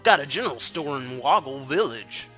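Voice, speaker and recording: A man voicing a cheerful male village shopkeeper in a game, with a put-on Texas drawl and a loud, high, overdone voice. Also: lively intonation, moderate pace, close to an everyday voice. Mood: cheery. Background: game music.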